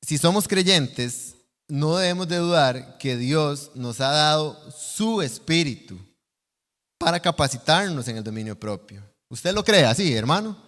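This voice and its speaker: A man's voice: a little high, lively intonation, unhurried, a bit bright. A man with a Costa Rican accent preaching a sermon in church, earnest and teaching, often checking in with the congregation. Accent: Costa Rican Spanish. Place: church sanctuary. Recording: long church hall reverb.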